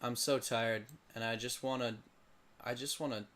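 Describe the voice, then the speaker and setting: A hoarse, tired teenage boy commenting on a simulated lacrosse league late at night, rambling and mumbling with self-pity between plays. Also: medium pitch, steady tone, moderate pace, fairly bright tone, a little hiss or hum. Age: teens.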